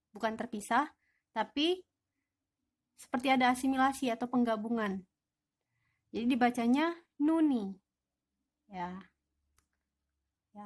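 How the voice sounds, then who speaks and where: A young woman teaching an online language lesson, patiently explaining rules and answering her own questions. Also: fairly high pitch.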